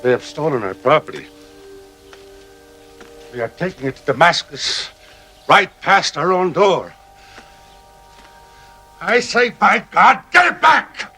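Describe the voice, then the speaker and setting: A man's voice: deep voice, measured pace, long pauses, husky, soft background music, full character voice. An actor playing a fierce grown man who pleads with his leader to go to war, in a film drama. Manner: impassioned, pleading, rising to a shout. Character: fiery grown man, fierce kinsman urging battle.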